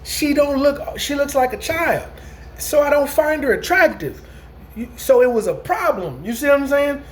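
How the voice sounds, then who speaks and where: In a casual storytelling vlog, a man in his forties speaks directly to his audience in a meandering monologue, his voice unusually high for a man. Very animated at a moderate pace, he stumbles, restarts often and keeps asking "you know what I'm saying," with a faint hiss behind him.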